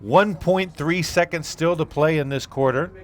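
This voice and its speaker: A man doing play-by-play commentary on a local football game, calling plays briskly with relaxed asides. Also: a little high. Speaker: play-by-play announcer.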